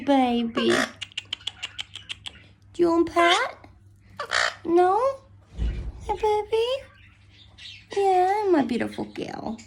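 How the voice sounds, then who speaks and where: A woman coos at her pet birds in a very high, swooping baby-talk voice, drawn out slowly and full of kissing sounds and little laughs. It is picked up on a phone with a lot of background noise around her. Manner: sing-song, affectionate, repeated kisses and laughs. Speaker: pet bird owner. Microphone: phone camera.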